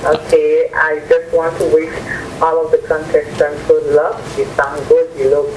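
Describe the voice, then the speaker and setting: A woman's voice comes through a phone line into the studio, with a steady hiss of noise under it. She is a caller giving a dedication as a contestant's mother, and she talks in short, simple phrases. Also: deep voice, normal speed. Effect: heard over a phone line. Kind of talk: call-in dedication.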